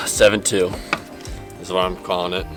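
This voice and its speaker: Excitable young man, fishing. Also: low voice, measured pace. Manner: excitable, says "y'all" often. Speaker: fishing vlogger. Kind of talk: casual narration and on-the-water commentary. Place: outdoors on a boat on a lake. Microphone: action camera. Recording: background music in the mix.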